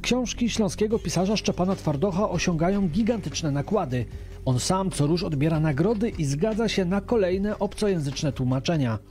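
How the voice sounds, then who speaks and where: A man's voice: high voice, animated, moderate pace. A man narrating a scripted television news report as the reporter. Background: music.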